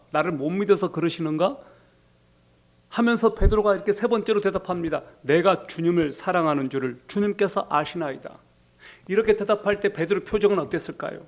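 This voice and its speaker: A man preaching a sermon as pastor, telling the story and acting out quoted lines in a softer, lower voice.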